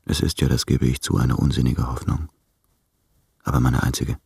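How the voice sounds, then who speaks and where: A man's voice: very deep voice, level tone, moderate pace, creaky, a little mellow, breathy edge, no room sound, studio quality, heavily acted. An actor playing an anxious, brooding man in love in a radio play, speaking in a subdued, introspective way. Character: anxious, brooding male letter writer in love.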